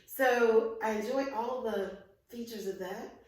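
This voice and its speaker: A woman's voice: fairly high pitch, measured pace. Laughing woman in her fifties. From Albany, Georgia, US. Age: 50s. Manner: warm, laughing often, enthusiastic. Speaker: interview guest, insurance adjuster. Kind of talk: casual interview. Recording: echoey room, distant from mic.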